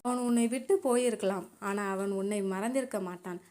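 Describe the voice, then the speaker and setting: A tearful young woman, gently resolute, speaks in a soft, emotional tone, as a woman storyteller voices her. Her voice sits a little above the narrator's usual register, in a storybook reading. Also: mid-range voice, a little fast, close to an everyday voice. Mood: tender, tearful.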